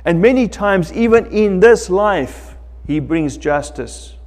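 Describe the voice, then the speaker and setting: A middle-aged man preaches at a church lectern, his voice pitched a little high and his delivery very unhurried and deliberate. He leans on emphatic phrases, swelling loud and then falling to near-quiet. The church hall carries a long reverb around him. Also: expressive. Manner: slow, emphatic preaching with wide swings in loudness. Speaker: pastor. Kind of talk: sermon.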